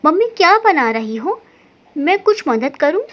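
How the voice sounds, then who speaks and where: A cheerful, mischievous young daughter, as a woman narrator voices her in a family storybook tale, coaxing and playful. Her voice is very high and lively. The sound is dull and lo-fi. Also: unhurried. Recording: dull lo-fi recording.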